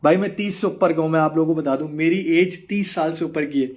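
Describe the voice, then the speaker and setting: Fairly high-pitched with a darkish tone, a man in his thirties answers live chat as a bodybuilder, reading viewer comments aloud. He speaks casual Urdu with a Pakistani accent, mixes in English, and often pauses with fillers.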